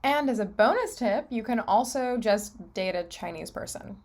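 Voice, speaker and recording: A woman's voice: on the high side, lively intonation, normal speed, heavy background noise. A young adult woman on a casual vlog, giving upbeat, encouraging advice to language learners in a chatty way.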